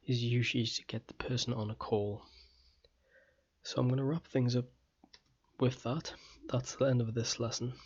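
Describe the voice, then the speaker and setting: A man teaching an online course, talking directly and practically in a relaxed way, his throat a little hoarse. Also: medium pitch, lo-fi sound. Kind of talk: casual recorded lesson.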